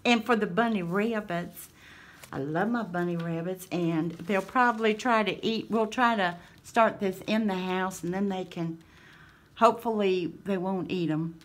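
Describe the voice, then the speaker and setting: A woman's voice: medium pitch, a little slow. A woman, chatting casually and affectionately to her craft channel viewers in a folksy drawl. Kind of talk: casual chat to camera.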